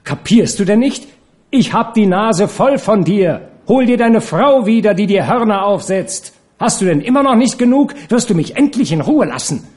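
A man voicing a fiery young actress and courtesan, shrill and scolding as she shouts. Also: expressive, brisk, few pauses, natural voice. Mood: furious.

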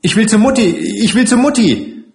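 A man putting on a frightened little girl, high and tearful. She pleads between sobs, her voice rising and falling. The reading sounds a little echoey. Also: expressive, moderate pace, gravelly, darkish tone. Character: frightened small girl, sobbing.

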